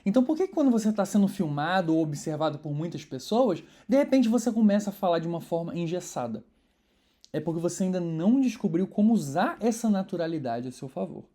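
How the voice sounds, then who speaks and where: Woman, poetry course teacher; low, dark voice, conversational delivery. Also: sing-song, fast talker. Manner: conversational, explanatory, stresses syllables while scanning verses. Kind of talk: online course lesson.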